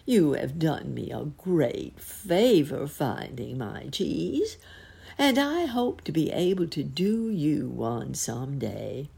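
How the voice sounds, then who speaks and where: A woman voicing a smug, friendly smiling cat in a storybook, with playful, drawn-out delivery. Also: low voice, very animated, gravelly, dark tone, breathy edge, heavily acted. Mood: grateful.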